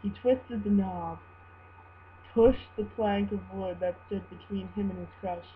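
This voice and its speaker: A woman reads fan fiction aloud in an amateur, dramatic way. She goes slowly and haltingly, often stumbling. The recording is dull, with a faint hum behind her. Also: mid-range voice. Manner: halting, stumbles over words and breaks into giggles. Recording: muffled, humming home recording.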